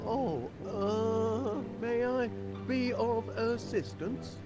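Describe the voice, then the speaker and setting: An actor voicing a cheery, polite middle-aged inventor with a northern English accent in a video game, chirpy and genteel. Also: male voice, extremely high pitch, very slow, over loud music, exaggerated voice. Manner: chirpy, genteel, eager to please. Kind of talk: video game character acting.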